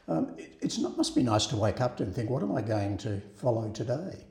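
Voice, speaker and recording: A man's voice: medium pitch, very animated, brisk, a little mellow, roomy sound. A man hosting an interview, chatty and genial, often repeating words as he asks questions. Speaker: radio show host.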